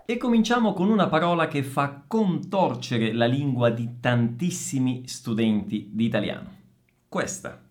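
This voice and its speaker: A man teaching Italian pronunciation, saying each word twice with slow, deliberate care. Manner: lively, expressive pitch. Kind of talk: pronunciation lesson.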